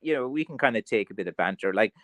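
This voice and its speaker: A man's voice: fairly low pitch, lively intonation, fast, fairly bright tone, no room sound. A man with a mild west of Ireland Kerry accent, chatting casually on a livestream in a rambling, tongue-in-cheek way as he answers comments. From County Kerry, Ireland. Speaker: craftsman streamer selling blackthorn sticks.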